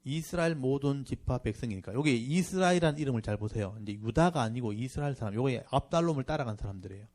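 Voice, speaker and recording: Guy pastor doing bible class, chatty explaining, slows way down reading verses, regular mid voice. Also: medium pitch, lively intonation, darkish tone. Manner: conversational, explains verses and reads scripture slowly with emphasis. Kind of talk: Bible lecture.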